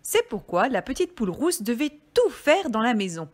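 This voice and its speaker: A woman, a kindergarten teacher, reading a storybook aloud to young children in a gentle, expressive way. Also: on the high side, moderate pace.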